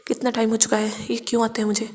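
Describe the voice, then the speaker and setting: A woman's voice: fairly high pitch, completely flat delivery, quick pace, a little mellow, big-room sound, lightly acted. A woman voicing a frightened young man in his late twenties, haunted by the same dream, in a storytelling recap. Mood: distressed. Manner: pleading, distressed.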